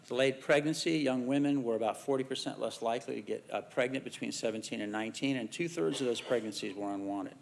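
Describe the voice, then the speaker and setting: A middle-aged American man, a researcher giving a conference talk, measured in tone with dry asides. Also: medium pitch, creaky. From United States. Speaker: researcher presenting findings.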